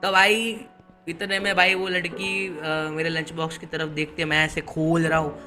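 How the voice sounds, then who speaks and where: A young man tells a story in a casual, animated way, full of slangy filler and asides. His voice sits high for a man, with a bright, forceful edge. Faint music plays softly behind him. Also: moderate pace. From Gujarat, India.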